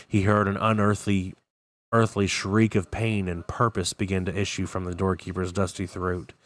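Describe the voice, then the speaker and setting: Low-voiced man reading a novel. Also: level tone, normal speed. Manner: plain narration with occasional self-corrections. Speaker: book club reader.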